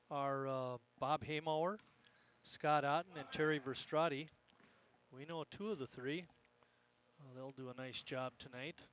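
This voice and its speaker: A man's voice: medium pitch, fairly bright tone, slight background noise. A man doing play-by-play basketball commentary in a conversational, folksy manner. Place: courtside in a gym.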